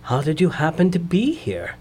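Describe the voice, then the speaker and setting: A woman voicing a polite, sad male tin man who speaks slowly and mournfully in a storybook reading. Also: low voice, huge pitch swings, dark tone, husky, heavily acted. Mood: grateful.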